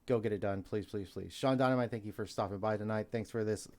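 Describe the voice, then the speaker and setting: A man's voice: on the low side, quick pace, darkish tone. Forties streamer host urging his chat. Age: 40s. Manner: addresses chat directly, urging and emphatic. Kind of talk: live-stream interview. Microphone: cheap desk mic.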